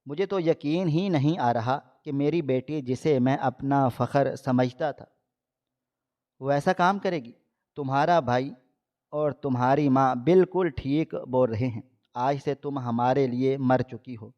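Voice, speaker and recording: A man's voice: medium pitch, a little mellow, close to an everyday voice. A man voicing a stern elderly father who disowns his daughter, read in his own plain voice. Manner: grave, harsh. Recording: dull lo-fi audio.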